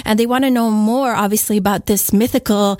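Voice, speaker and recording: A woman's voice: mid-range voice, steady tone, a little fast, darkish tone, no echo. A woman from Slovakia, a radio studio guest and heritage expert, explaining at length in an interview with occasional fillers.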